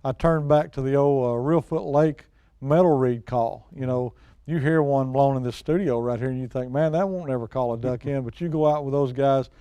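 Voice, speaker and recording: In a dry recording, a middle-aged or older man speaks at normal speed with a steady, mid-range voice that is dark, clear, and resonant. He appears as a guest expert and outdoors show personality, telling hunting stories in a casual, folksy, plain-spoken manner.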